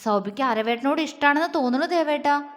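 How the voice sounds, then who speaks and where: A woman's voice: high-pitched, fast talker, big-room sound, lightly acted. A woman voicing a cheeky young wife in a storybook audio drama, with a coaxing, pouty way of chattering. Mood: playful.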